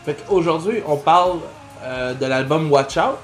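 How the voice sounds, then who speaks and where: A man with a Quebec French accent co-hosting a podcast in casual chat, animated and slangy, with lots of fillers. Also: on the high side, measured pace. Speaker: podcast co-host. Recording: roomy echo with faint music.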